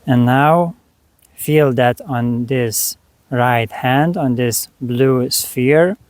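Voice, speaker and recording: A man with a mid-range voice guides a meditation, addressing the listener in short, unhurried phrases separated by long pauses. The recording is dry.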